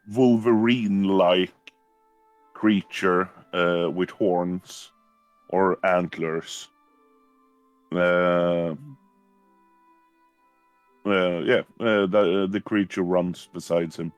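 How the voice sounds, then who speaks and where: A Swedish-accented man describes things at a tabletop game and halts between phrases, often filling gaps with hesitation sounds. He talks very slowly in a low voice. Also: dry recording. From Sweden. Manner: halting, long pauses full of fillers. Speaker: player.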